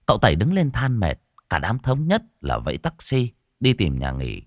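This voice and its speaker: A man narrating a comic story in a lively, playful storytelling manner. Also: on the low side, normal speed, no echo, studio quality.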